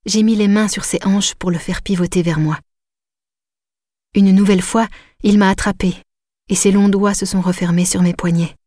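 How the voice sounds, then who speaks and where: A woman narrating a novel in the first person, in an intimate, measured way. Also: mid-range voice, fairly even intonation, warm tone, dry recording, studio quality. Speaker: audiobook narrator.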